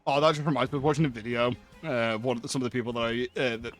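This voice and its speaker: A man's voice: medium pitch, steady tone, rapid-fire, soft background music. A man streaming a game, chatting casually with dry, self-deprecating jokes, from the United Kingdom. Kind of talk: casual banter while gaming.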